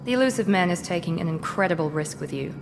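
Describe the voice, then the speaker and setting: Quick and animated, a woman's lowish voice plays a guarded female Cerberus operative in a video game, her lines curt, aloof and cool. The game audio carries long reverb and noticeable hiss.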